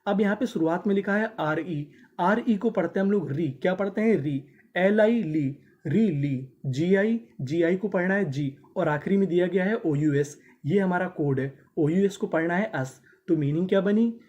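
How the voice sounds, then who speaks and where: A man teaching a class, spelling words out slowly syllable by syllable and repeating them, asking questions and answering them himself. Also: high voice, a little mellow, lo-fi sound. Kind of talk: classroom-style language lesson.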